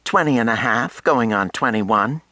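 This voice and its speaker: A man voicing a quick-witted young woman of about twenty in an audiobook, teasing and eager. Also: mid-range voice, lively intonation, pushed and bright, dry recording, voice pushed up. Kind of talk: audiobook character voice.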